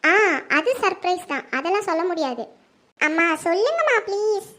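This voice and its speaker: A performer voicing a kind, gently teasing mother-in-law in a home-made family drama. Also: very high voice, big pitch swings, normal speed, heavily acted.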